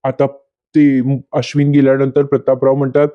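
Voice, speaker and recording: A man's voice: mid-range voice, completely flat delivery, normal speed, clean tone, highs cut off. A man narrating an episode recap, speaking straight to viewers. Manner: addresses viewers directly. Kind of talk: casual retelling of a TV episode.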